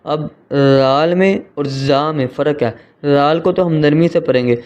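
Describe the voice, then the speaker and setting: Patient male tutor with a Pakistani Urdu accent, smooth even delivery, muffled lo-fi sound. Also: fairly high pitch. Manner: slow, patient, drawn-out letter sounds. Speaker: Quran reading teacher.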